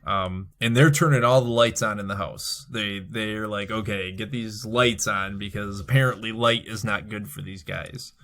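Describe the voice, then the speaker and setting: A man's voice: on the low side, normal speed, gravelly, hardly any pauses, fairly bright tone. Man laughing through a book recap. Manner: laughs often, acts out characters' lines. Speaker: podcast co-host. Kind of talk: casual chat recapping a book.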